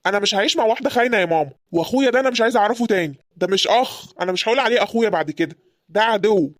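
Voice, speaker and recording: A jealous young husband with an Egyptian accent, played by a woman in an animated story. He talks in a demanding, accusing manner at a very rapid pace. The sound is dry and close. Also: mid-range voice, no room sound, close to an everyday voice. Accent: Egyptian Arabic.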